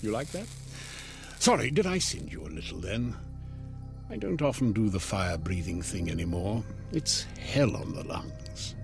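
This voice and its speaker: Smug, animated salesman Devil. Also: fairly low pitch, moderate pace, creaky, over loud music. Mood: taunting. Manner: smug, breezy, mocking, theatrical. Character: the devil as a glib, taunting, informal salesman. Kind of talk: radio drama acting.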